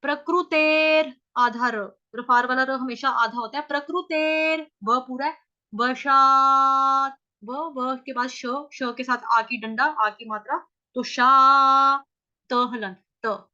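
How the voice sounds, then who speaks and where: Female chanting teacher, high bright voice, very slow deliberate repetition, dull lo-fi audio. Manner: slow drawn-out repetition of verse syllables; scolding latecomers firmly. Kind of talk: syllable-by-syllable chanting lesson.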